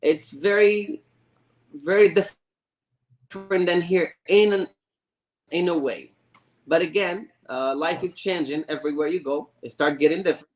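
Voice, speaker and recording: Halting, eager man from Morocco. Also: a little high. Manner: halting, repeats words, eager. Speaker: guest. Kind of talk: casual interview.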